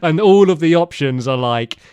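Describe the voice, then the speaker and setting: A man co-hosting a podcast, chatting casually about a game in rambling, animated stories full of fillers. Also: a little high, normal speed, smooth, dry recording, lo-fi sound. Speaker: podcast co-host.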